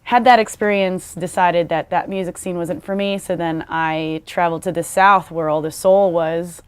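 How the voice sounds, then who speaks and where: A young woman who grew up in New York, a musician guest chatting in a relaxed, upbeat way. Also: fairly low pitch, normal speed, smooth. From born in the Philippines, grew up in New York. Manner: relaxed, upbeat, uses fillers like "like" and "you know". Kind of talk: casual interview chat.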